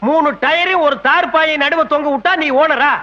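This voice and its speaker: A swaggering, boastful local tough. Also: male voice, very high voice, steady tone, normal speed, sharp tone, highs cut off. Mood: bullying. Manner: bullying, boastful, threatening. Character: swaggering middle-aged neighbourhood tough who bullies people. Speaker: local strongman. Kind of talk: film comedy acting.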